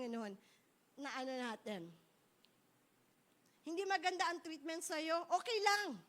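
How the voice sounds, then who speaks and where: Woman pastor, middle-aged, sermon, very high voice, bright tone, mixes Tagalog and English, leads repeat-after-me lines. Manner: leads the congregation in repeating phrases.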